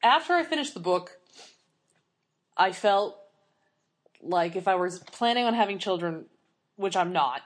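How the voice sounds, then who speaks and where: A woman's voice: on the low side, lively intonation, measured pace, long pauses. A woman casually discussing a film and its book with a co-host, blunt and opinionated, swearing freely. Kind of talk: casual movie review chat.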